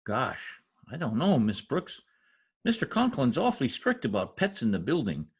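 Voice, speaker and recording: A man's voice: mid-range voice, huge pitch swings, normal speed, husky, heavily acted. A man playing an eager, mischievous teenage schoolboy in an old-time radio comedy, with an earnest, gushing manner and flowery words. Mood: excitable.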